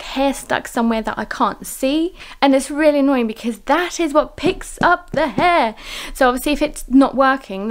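A woman in her thirties talks to a camera held at arm's length in her living room. Her voice sits a little high, and she rambles in a loose, chatty way with plenty of ums and likes. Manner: chatty, rambling with many fillers. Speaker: home vlogger. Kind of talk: casual chat to camera. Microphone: handheld camera at arm's length.

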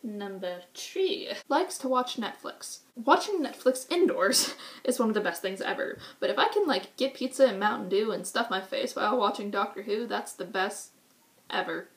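A woman's voice: on the high side, lively intonation, normal speed. A young woman from New England with a thick New Hampshire accent, chatting through a goofy list for her vlog, full of "like" and "um". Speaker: YouTube vlogger.

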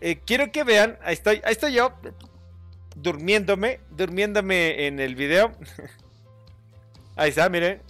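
A man's voice: high-pitched, animated, measured pace, pauses often, bright, forceful tone, faint music behind. A man hosting a casual screen-recording tutorial, rambling as he reads out view counts and corrects viewers' spelling. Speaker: YouTube gamer and channel host.

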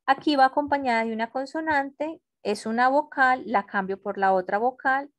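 A woman teaching an English grammar class online, explaining rules slowly and patiently and checking that students follow. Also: high-pitched, dry recording. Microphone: computer mic on a video call.

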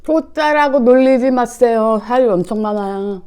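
A woman's voice: a little high, moderate pace, warm tone, clear, resonant tone. A woman hosting an eating show, chatting casually to viewers with playful, self-teasing asides. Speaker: mukbang host.

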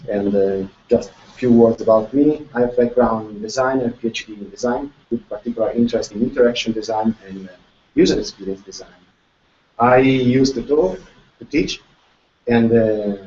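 A guest researcher from Italy gives a lecture presentation in a room with a projector screen, speaking with an Italian accent in a halting way, with many restarts and repeated words as he gestures. His mid-range voice has a darkish tone, picked up by a far room camera that makes it echoey, distant and dull.

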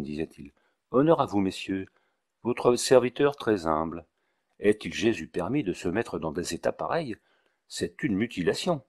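A man's voice: on the low side, darkish tone. A man reading the part of a long-winded, ceremonious village doctor in an audiobook. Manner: wordy, ceremonious, preachy.

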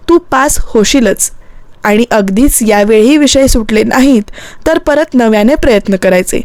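A woman's voice: fairly high pitch, darkish tone, no echo, lightly acted. A woman voicing a young husband who is firm but caring, in her own voice.

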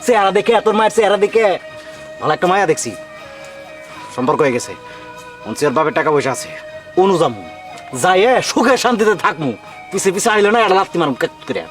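A man's voice: high-pitched, very animated, fast talker, long pauses, far from the mic, soft background music. An actor playing a harsh, contemptuous father who abandons his child, speaking. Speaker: father leaving his family. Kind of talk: melodramatic short-drama acting.

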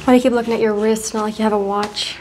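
Woman playing bossy security officer, soft-spoken ASMR role-play, high-pitched. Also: little pitch movement, very fast, lightly acted. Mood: bossy, teasing. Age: 20s. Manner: curt commands, teasing questions. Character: bossy, teasing female airport security officer. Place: small plain indoor room. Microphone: clip-on mic at the collar. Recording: hissy noise with clicks.

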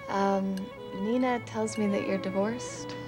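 An actress in her thirties playing a quick-witted divorced teacher and mother, with a dry, teasing way of talking in a TV film. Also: medium pitch, steady tone, over music, close to an everyday voice. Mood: polite. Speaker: lead character, teacher and single mother. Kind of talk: TV film acting.

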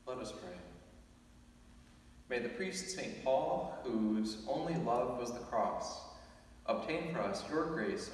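A man leading Mass as priest, reciting set prayers in a measured, steady way into a church microphone. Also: mid-range voice. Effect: speaking into a church microphone, amplified through the church. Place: large church. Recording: echoey church from a distance, faint hum.

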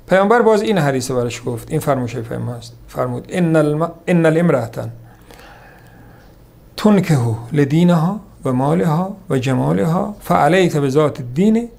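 Male preacher, somewhat high gravelly voice, slow recitation then chatty explanation. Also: a little mellow. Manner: slows to recite Arabic hadith, then explains in Persian; conversational lecturing, repeats points. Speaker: religious teacher. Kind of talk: sermon on hadith.

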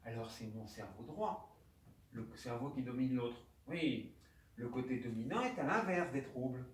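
A man tells his own story at a conference in a very slow, halting way, with aphasia in his speech and many repeated words and phrases. He sounds far from the mic, and the large room echoes around him. A faint hum of ambience sits underneath. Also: medium pitch, lively intonation. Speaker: doctor giving a conference talk. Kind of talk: personal testimony lecture. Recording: roomy hall, distant mic, faint ambience.

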